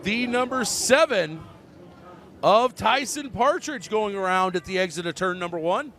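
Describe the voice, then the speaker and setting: A man giving excited live motorsport commentary as a track announcer, calling the action in bursts and raising to a shout at big moments. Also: sits high, a little slow.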